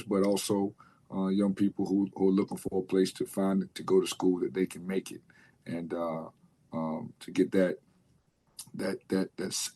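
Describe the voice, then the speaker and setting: A man coaching college basketball, speaking in a measured way in an interview, slightly hoarse from losing his voice. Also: low voice, mellow. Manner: measured, repeats words while thinking. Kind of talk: radio interview.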